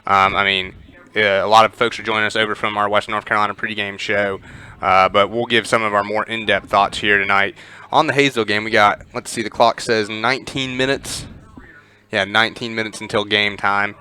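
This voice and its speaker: A man giving conversational pregame football commentary, with lots of filler words and animated storytelling. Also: on the low side, a little fast, smooth. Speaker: sports commentator.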